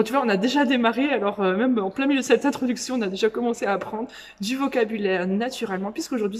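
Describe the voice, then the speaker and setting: A woman's voice: fairly high pitch, darkish tone. Chatty woman teaching German by a pool. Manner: chatty, spells out German words slowly. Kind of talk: casual teaching video. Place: seated beside a swimming pool.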